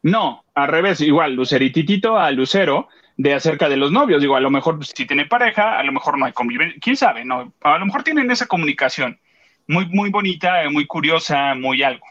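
A man's voice: a little high, lively intonation, a little fast, a bit bright, dull audio. A man with a Mexican accent chatting on a radio show, telling a story animatedly and acting out the voices of the people in it. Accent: Mexican Spanish. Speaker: co-host. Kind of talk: casual chat, retelling a theater outing.

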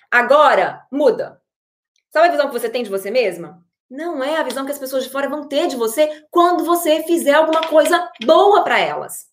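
A Brazilian woman giving an energetic, expressive motivational talk to her audience as an online creator. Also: high voice, roomy sound.

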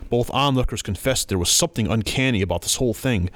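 A man's voice: mid-range voice, fast, a bit bright, dry recording. A man co-hosting a podcast in casual chat, telling stories with animation and reading quotes aloud. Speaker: podcast co-host.

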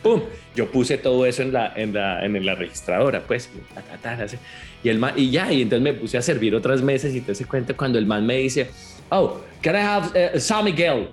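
A man with a Colombian accent telling stories in a casual chat with friends, animated, laughing often and full of slang. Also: medium pitch, brisk, soft background music.

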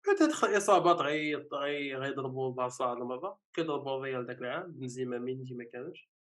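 A man's voice: medium pitch, a bit bright. A man with a Moroccan Arabic accent in casual football talk, restarting his sentences and mixing in French words. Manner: halting restarts, mixes French words into speech. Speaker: football pundit.

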